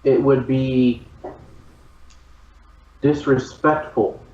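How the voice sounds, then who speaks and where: Roomy slightly dull recording, male tabletop player, measured halting delivery, in-character negotiation. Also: mid-range voice, fairly even intonation, darkish tone, distant mic, slight background noise.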